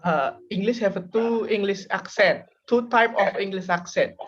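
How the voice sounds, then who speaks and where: A young woman giving a class presentation, pausing and correcting herself often. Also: mid-range voice, highs cut off. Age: young adult. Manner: hesitant, self-correcting. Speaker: student presenter.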